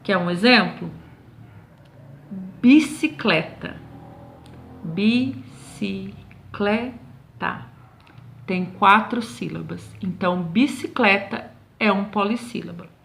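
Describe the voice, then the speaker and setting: Brazilian woman teacher, patient and unhurried, spells words out slowly and keeps checking the kids follow. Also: mid-range voice, vocal fry, a bit bright, slight background noise. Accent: Brazilian Portuguese. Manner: patient, slow and drawn out, checks in constantly with "tá bom?". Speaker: schoolteacher. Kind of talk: recorded remote lesson correcting homework.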